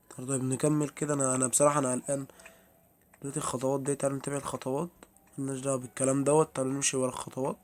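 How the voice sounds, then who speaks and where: A young man with an Egyptian Arabic accent, speaking in a medium-pitched, slightly mellow voice, gives chatty commentary on a horror game. He addresses his viewers directly and gets startled easily.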